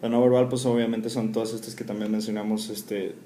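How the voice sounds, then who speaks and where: A man's voice: fairly low pitch, little pitch movement, brisk, warm tone, slight background noise. A young man gives a spoken class presentation, hesitant and full of fillers and restarts. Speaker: student. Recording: echoey room, faint ambience.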